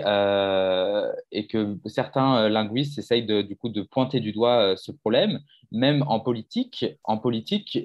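Man teaching a French conversation class, low voice. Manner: explains at length, asks students questions.

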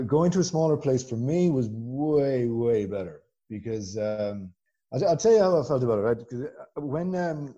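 Irish guy from the west, really mellow warm voice, chatty casual stories, bit muffled recording. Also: mid-range voice. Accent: west of Ireland. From Galway, west of Ireland. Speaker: podcast guest. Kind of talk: casual conversational storytelling.

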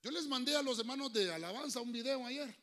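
A man preaching a sermon as a pastor in a church, shifting from fiery outbursts to quiet asides and speaking to the congregation as brothers. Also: very high-pitched, fast. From Honduras.

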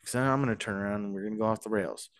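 A man hosting a casual sports podcast, talking in an animated, joking way with rambling asides. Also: lowish voice, very fast. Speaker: podcast host.

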